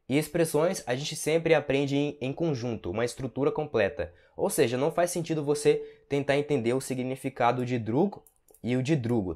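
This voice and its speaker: A man teaches Russian to beginners at a mid pitch. He talks in a relaxed, explaining way and drops to a slow, careful pace whenever he says a Russian word or phrase. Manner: explains patiently, slows down sharply for Russian examples. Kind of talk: language lesson.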